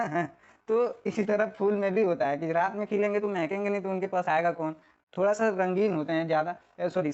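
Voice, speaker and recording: A man with a fairly high voice teaches in a relaxed, conversational way, speaking. He repeats key terms and checks in often with his listeners. The recording sounds a little dull and lo-fi. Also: clean tone. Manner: repetitive, checks in often with filler tags. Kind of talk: casual classroom explanation.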